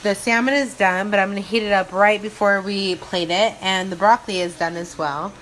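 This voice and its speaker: Her voice is medium in pitch, fairly bright, fairly quick, and fairly even in intonation as this woman, a home cook, gives informal step-by-step cooking narration vlog-style. Food fries and sizzles noisily in the background of her home kitchen.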